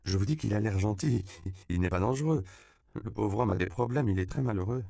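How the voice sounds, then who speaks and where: An earnest young woman passenger, pitched higher than the reader's deep, gravelly voice, pleading her point insistently in a storybook reading, as a man puts her on. The sound is close and dry. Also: a little fast, warm tone, no room sound.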